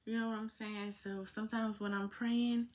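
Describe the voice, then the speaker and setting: An eighteen-year-old woman answers questions in a heartfelt vlog, speaking slowly and informally to viewers she calls y'all. Her voice sits at medium pitch with a level tone, recorded on a phone.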